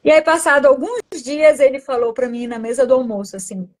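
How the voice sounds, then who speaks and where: An enthusiastic woman in her forties works as a coach and therapist, and here she tells a personal story in a podcast interview. Her voice sits fairly high, and she shares the story with affectionate energy. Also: fairly quick, a little mellow.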